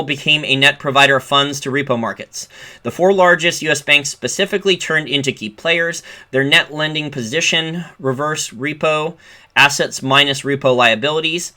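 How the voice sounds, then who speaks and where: Reading aloud from a report on his own, a finance commentator keeps veering into sarcastic rants. His voice is on the high side with a sharp tone.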